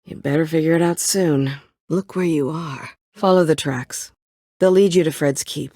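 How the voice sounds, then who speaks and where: In a mellow, low voice at a moderate pace, an actress performs dramatic video game dialogue as a bitter, world-weary survivor bent on vengeance. Her delivery is brooding, curt and dryly sardonic, recorded studio-clean with no echo.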